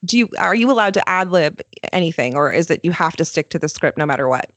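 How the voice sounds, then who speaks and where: A woman's voice: low-pitched, expressive, quick pace, dry recording. Woman interviewer, dry close sound. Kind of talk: casual interview.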